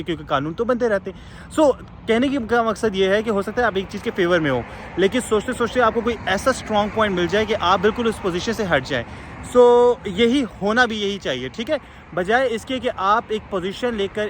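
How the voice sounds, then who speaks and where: A woman coaching exam candidates, talking them through practical advice. She slips between languages mid-sentence and keeps asking whether they follow. A faint hum of traffic and street noise sits behind her voice. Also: mid-range voice. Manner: switches languages mid-sentence, checks in with listeners. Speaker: exam preparation tutor. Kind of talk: spoken advice lesson.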